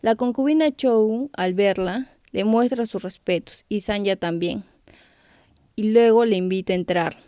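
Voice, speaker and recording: A woman's voice: medium pitch, unhurried, mellow, clear, resonant tone, dry recording. A woman narrating a story recap, lifting her voice on character names. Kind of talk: scripted narration.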